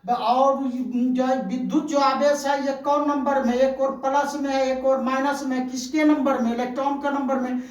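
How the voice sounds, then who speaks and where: A woman teaching a physics lesson in a drilling, repetitive way, asking a question and then supplying the answer herself. Her voice sits high with little rise and fall. The sound carries a noticeable room echo. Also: flat delivery, normal speed, few pauses, a little mellow. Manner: repetitive, emphatic explaining. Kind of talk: Hindi-medium classroom lecture.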